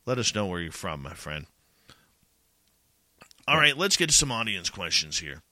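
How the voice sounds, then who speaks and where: Male, 40s, podcast host, very low and forceful-edged voice, dry sound, enthusiastic. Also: very animated, normal speed, no echo. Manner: enthusiastic, friendly, repeats himself. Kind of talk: casual podcast chat.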